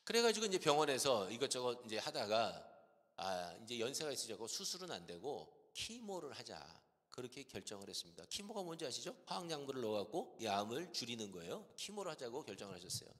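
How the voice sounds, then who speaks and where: A man's voice: mid-range voice, fast talker. A middle-aged man preaching a sermon as a guest pastor, telling stories about church members and acting out their words. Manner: animated storytelling, acts out quoted voices of church members. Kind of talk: sermon with storytelling. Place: church sanctuary. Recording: long hall reverb.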